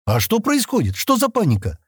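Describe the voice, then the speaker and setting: A man reading an audiobook, voicing a young woman who is bewildered and insistent, in a raised husky voice. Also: deep voice, big pitch swings, normal speed, a little mellow, dry recording, clean studio sound, pitched above the performer's own voice, heavily acted. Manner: raised questioning voice, protesting.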